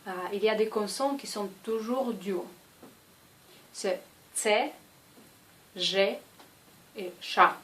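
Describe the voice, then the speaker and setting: A woman teaching a language lesson, speaking slowly and deliberately and repeating each example word. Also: mid-range voice, fairly bright tone, a little hiss or hum, poor audio.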